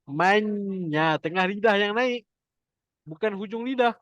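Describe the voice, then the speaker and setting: A man with a Malaysian Malay accent teaching Quran recitation online, demonstrating sounds slowly and repeating them for students. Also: sits high, lively intonation, fairly bright tone, no room sound. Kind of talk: online class instruction.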